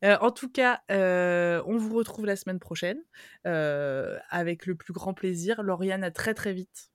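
A woman with a Vendée accent hosts a podcast in loose, chatty talk, her voice tired and slightly strained. Her pitch sits rather low and the sound is dry and close. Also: a little slow, dry recording. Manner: chatty, lively, laughs often. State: tired voice, throat worn. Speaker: podcast host. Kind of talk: casual podcast chat.

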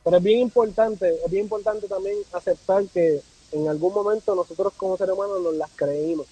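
Speaking briskly with fairly even intonation, a high, mellow, breathy-edged male voice belongs to a travel content creator from Puerto Rico, guesting on a podcast. He talks casually and reflectively in a Puerto Rican accent, repeating phrases for emphasis, and the audio is poor with no room sound.

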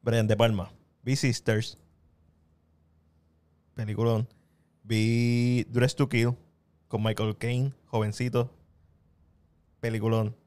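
A man hosting a casual podcast speaks at an ordinary middle pitch. He talks with eager enthusiasm, piling praise on the films he recommends. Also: little pitch movement, slow, pauses often, darkish tone, smooth. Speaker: podcast host. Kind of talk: casual film chat.

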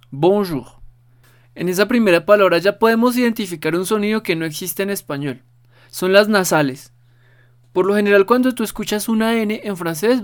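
Patient podcast language teacher. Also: medium pitch. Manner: patient, repeats words for practice. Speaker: podcast host teaching French. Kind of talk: casual spoken lesson.

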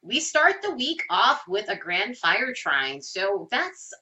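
A woman hosts an astrology forecast in a casual, explanatory way. Her voice is bright and forward but clearly congested, with the nasal sound of someone pinching her nose while she has a cold. She speaks informally and leans on everyday examples. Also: medium pitch, very animated, slow. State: stuffed up with a cold. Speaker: astrology host.

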